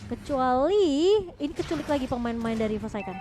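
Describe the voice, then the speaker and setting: Very high-pitched Indonesian woman casting esports. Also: animated, fast, over music. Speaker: esports match commentator. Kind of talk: live esports commentary and analysis.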